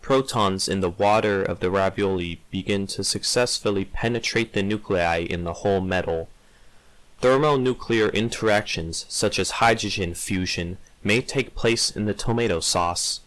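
A man with a fairly low voice reads aloud in a theatrical, measured manner. He treats mock-scientific material as a dramatic reading, leaning on emphatic pauses. The sound is dry and close, with little room in it. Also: fairly bright tone, no room sound, poor audio. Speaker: reader of a humorous text.

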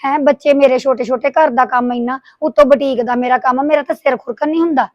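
A woman playing a fast-talking, aggrieved tailor. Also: high-pitched, steady tone, no room sound, lo-fi sound, close to an everyday voice. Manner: rapid, indignant complaining. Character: aggrieved woman tailor, hurt by gossiping neighbors. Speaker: boutique tailor with young children. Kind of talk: domestic drama acting.

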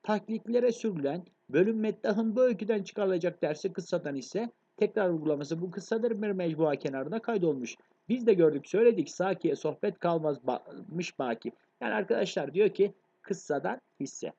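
A man gives a rapid exam review lecture, with a mellow tone and a voice pitched a bit high. He keeps turning to his students and checking that they are following. The recording is dull and lo-fi. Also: animated, breathy edge. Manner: fast, addresses students as friends, frequent checks. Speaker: literature teacher.

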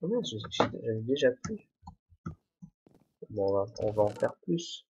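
A man's voice: on the low side, big pitch swings, measured pace, darkish tone, a little hiss or hum. A young man, the host of a game let's play, rambling to himself and joking at his own expense while playing. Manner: rambling, self-mocking, talks to himself. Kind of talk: casual solo gameplay commentary. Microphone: desk microphone, no headphones. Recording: dull, muffled home recording.

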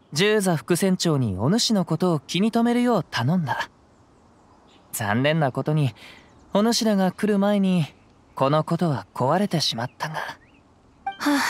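A male actor playing a gentle, poetic young wandering samurai in a video game, speaking calm, measured, old-fashioned samurai Japanese. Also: high voice, slight background noise. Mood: calm, thoughtful. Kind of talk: scripted game dialogue. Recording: clean voice over background music.

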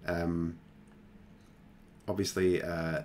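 A man hosting a screen-recorded software tutorial, talking casually and thinking aloud with plenty of fillers. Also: deep voice, flat delivery, very slow, a little hiss or hum. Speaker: tutorial host.

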